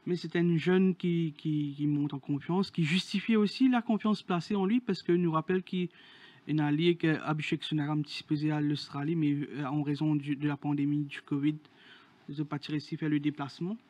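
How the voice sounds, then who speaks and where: A horse racing show co-host reads out a list of award winners, hesitating often and filling gaps with fillers. His voice is on the high side and a little mellow, steady in tone and fairly quick.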